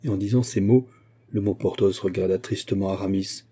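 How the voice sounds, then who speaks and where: A man reads a classic novel aloud in a measured, steady way. His voice is low, very dark and a little husky. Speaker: audiobook narrator. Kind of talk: audiobook reading of a classic novel.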